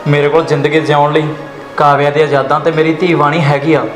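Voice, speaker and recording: A young man with a Punjabi accent, acting a grieving widower and father who talks quickly and earnestly. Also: on the high side, level tone, close to an everyday voice. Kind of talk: village drama acting. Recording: echoey room with loud background music.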